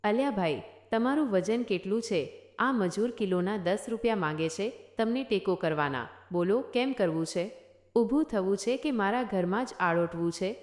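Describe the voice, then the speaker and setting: A woman's voice: medium pitch, expressive, moderate pace, lightly acted. A woman voicing a joking young husband who has just moved in, speaking in a teasing, wisecracking way. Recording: echoey room.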